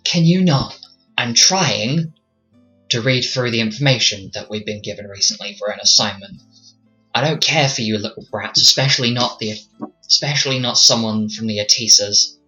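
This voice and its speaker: A man's voice: fairly low pitch, moderate pace, pushed and bright, lo-fi sound, faint music behind. Man voicing a snarling, surly hyena man. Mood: snarling, threatening. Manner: snarling, curt, condescending. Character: surly, threatening hyena man, dagger-carrying guild member.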